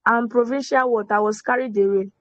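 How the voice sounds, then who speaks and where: A woman student asks quick, apologetic questions during an online class. Her voice sits fairly high, and the recording is close and dry. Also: steady tone, no echo, highs cut off.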